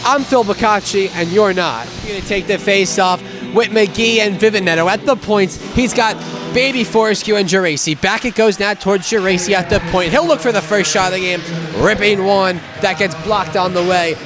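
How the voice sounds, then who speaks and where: High-voiced male hockey commentator. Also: normal speed. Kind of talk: sports commentary and game previews. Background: music.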